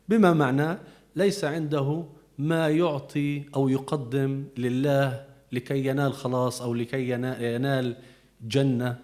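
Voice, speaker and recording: A man's voice: medium pitch, a little mellow. A man with a Levantine Arabic accent, giving a conversational Bible teaching as a preacher, explaining patiently and repeating key words.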